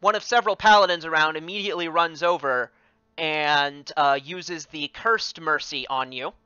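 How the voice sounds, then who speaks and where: A man running a tabletop game as game master, halting with many ums and restarts. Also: on the high side, sharp tone, clean tone, no room sound. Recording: dry, muffled voice chat.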